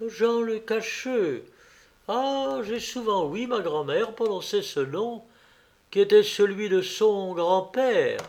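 A man voicing a gentle young peasant woman in a read-aloud tale, raising his voice and softening it. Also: sits high, animated, takes it slowly, pitched above the performer's own voice, full character voice. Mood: wondering.

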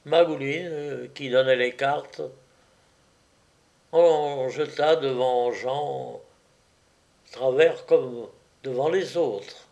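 A man reading a comic story aloud as narrator, in an unhurried, wry way. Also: mid-range voice, a little mellow.

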